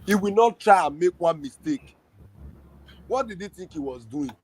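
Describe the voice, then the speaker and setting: On his football fan podcast, a man argues his point with passion in a casual but heated debate. His voice is high-pitched, expressive and slightly rough, moving at a moderate pace, and he sounds argumentative and emphatic.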